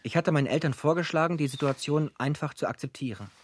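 A man's voice: on the high side, quick pace, slight background noise, lightly acted. A man narrating a radio drama as a grown son recalling his family's troubles, in short, dry, matter-of-fact sentences. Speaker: first-person narrator. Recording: narration over clear music.

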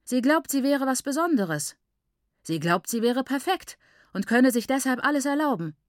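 A woman voicing a bitter, scornful mother who mocks and cackles in a raised, high voice. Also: animated, normal speed, no echo, studio quality. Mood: furious. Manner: cackling, jeering, shrill.

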